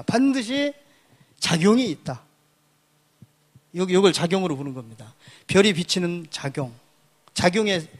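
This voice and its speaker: High-voiced man lecturing on characters. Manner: explanatory, pointing at characters on a board; asks and answers his own questions. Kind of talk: public lecture on Chinese characters.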